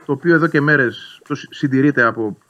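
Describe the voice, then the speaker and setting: A man's voice: medium pitch, pushed and bright, highs cut off. A man talking football as a guest, reasoning through his points and often agreeing with the host. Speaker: sports commentator guest. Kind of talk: casual football analysis chat.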